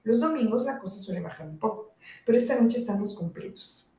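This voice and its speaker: Friendly farm landlady, voiced by a woman, bright and animated, fairly high voice, roomy room, distant mic. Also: brisk, close to an everyday voice. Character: Welsh farm landlady, youngish, friendly and lively.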